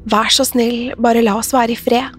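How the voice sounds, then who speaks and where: A woman reading the lines of a frightened mother in a story, speaking in a hushed, pleading way. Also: on the high side, level tone, faint music behind, lightly acted. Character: frightened mother, skeptical turned believer. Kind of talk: read-aloud story dialogue.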